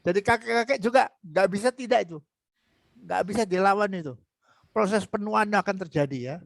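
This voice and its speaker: A man's voice: high voice, normal speed, vocal fry, no room sound. A man in his seventies teaching an online Bible class over a video call. He repeats phrases, asks rhetorical questions and addresses students by name. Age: 70s.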